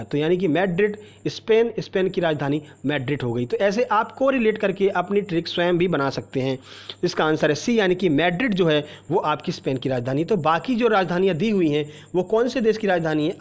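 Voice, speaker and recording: A man with a high voice runs an exam-prep quiz lesson, reading each question and its options before walking the viewer through the answer. He talks to the listener directly and repeats key points. The recording sounds muffled and lo-fi. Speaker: quiz teacher.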